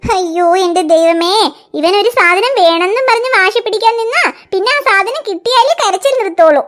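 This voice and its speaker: A woman's voice: very high-pitched, expressive, normal speed, a bit bright. A woman voicing a young cartoon mother who coaxes and soothes her crying toddler in a fretful, sing-song way. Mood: coaxing. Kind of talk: cartoon dialogue.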